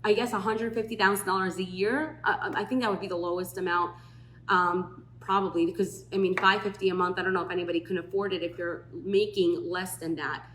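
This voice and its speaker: A woman's voice: lowish voice, fairly even intonation, a little fast, fairly bright tone. A woman who runs a tax firm, chatting on a podcast and telling stories, acting out the people she quotes. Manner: chatty storytelling, acts out quoted voices. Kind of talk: podcast talk. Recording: roomy echo.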